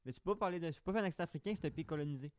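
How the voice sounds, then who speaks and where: A man's voice: on the high side, a little mellow, clean tone, no room sound. Earnest Québécois man, podcast co-host. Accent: Québécois French. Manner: earnest, halting, restarts often. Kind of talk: casual podcast chat.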